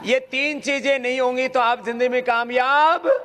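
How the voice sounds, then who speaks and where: A man leading a youth camp as a yoga teacher, chanting slowly and correcting the crowd's pronunciation with humorous questions. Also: very high voice, fairly even intonation, fairly bright tone, slight background noise. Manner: slow, drawn-out chanting with corrective explanations.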